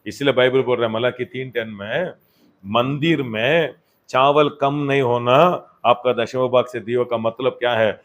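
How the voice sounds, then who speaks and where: A man preaches a church sermon, his speech sprinkled with English words. He rises to loud exhortation and then drops back to quieter, conversational asides. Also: medium pitch, a little slow, muffled recording. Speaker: pastor.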